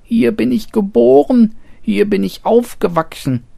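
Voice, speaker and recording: A man voicing a jittery little young hare in a storybook reading, with a shrill, strained voice and frantic, fretful outbursts. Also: a little slow, creaky, dark tone, no echo, full character voice. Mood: panicked. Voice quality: shrieking, high and strained.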